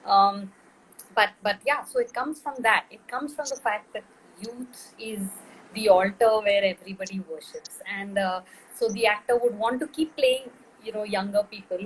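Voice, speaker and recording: A middle-aged woman talks as an interview guest, her voice sitting at an ordinary middle pitch. She thinks aloud, restarting phrases and leaning on fillers. A faint noise runs under the recording. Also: fairly even intonation, moderate pace, rough recording. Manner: thoughtful, many fillers and restarts. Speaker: film director, guest. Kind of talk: interview conversation.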